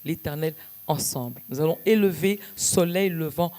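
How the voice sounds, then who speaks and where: A man's voice: on the high side, moderate pace, a little mellow. A man with a Congolese French accent, a gospel group leader giving interview answers that build into a fervent, preacherly invitation. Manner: hesitant with details, rising to fervent preaching. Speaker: music group leader, guest.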